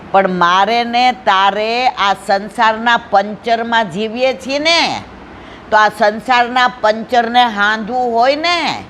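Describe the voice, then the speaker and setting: A woman leading a devotional satsang, telling a story and acting out its dialogue, with slow, emphatic repetitions. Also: fairly high pitch, slight background noise. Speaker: satsang speaker.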